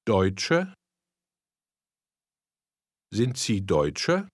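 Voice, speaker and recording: Man, slow careful speech, animated pitch, dry studio sound. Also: dry recording. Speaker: native-speaker model voice.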